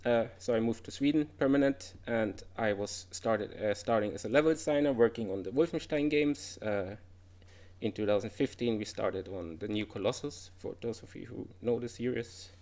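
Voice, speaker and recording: His voice is on the low side and a little mellow, at a normal speed. This man from Germany gives a chatty, informal conference talk about his game development career, with lots of "uh" fillers and light laughs.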